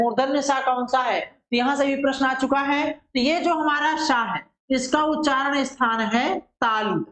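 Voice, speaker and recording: A woman teacher giving a methodical lesson. She asks questions and answers them herself, and she draws syllables out slowly to demonstrate them. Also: high voice, a bit bright, echoey room, low-quality recording. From India. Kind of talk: classroom-style lesson.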